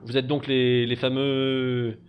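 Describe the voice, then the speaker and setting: A man's voice: medium pitch, little pitch movement, slow, clear, resonant tone, muffled recording, natural voice. A man voicing a jovial, pompous merchant master in a tabletop game, effusive and repeating himself. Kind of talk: tabletop role-play.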